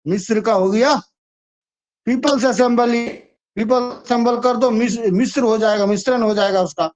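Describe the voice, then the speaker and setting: A man's voice: very high-pitched, normal speed, darkish tone. A man teaching an exam-prep lesson, chatty and repetitive as he coaxes students through memory tricks. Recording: dull lo-fi sound.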